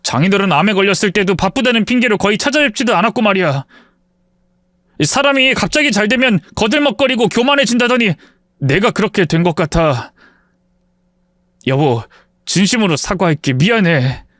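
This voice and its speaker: Greedy pushy husband, read by a man, lively pitch, dry studio sound. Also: fairly quick, dry recording, lightly acted. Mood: groveling. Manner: demanding, then stammering apologies. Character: greedy adult husband, later groveling.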